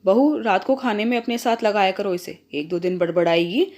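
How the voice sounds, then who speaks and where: A woman's voice: mid-range voice, steady tone, normal speed, a little mellow, natural voice. A woman voicing a strict but caring middle-aged mother who scolds her daughter firmly. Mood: scolding. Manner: firm, scolding.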